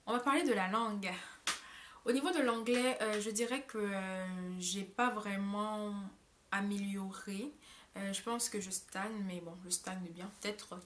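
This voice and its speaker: A woman's voice: medium pitch, steady tone, a little slow, fairly bright tone. Young woman vlogger, casual rambling delivery full of fillers, mid-range voice, faint background noise. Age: young adult. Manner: rambling, many hesitations and self-corrections. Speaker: au pair vlogger. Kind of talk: casual vlog monologue.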